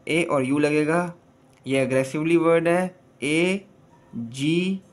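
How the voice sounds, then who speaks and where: A man teaching a lesson, his voice sitting a little high. He speaks very slowly, reading each English line and then explaining it in Urdu. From Pakistan.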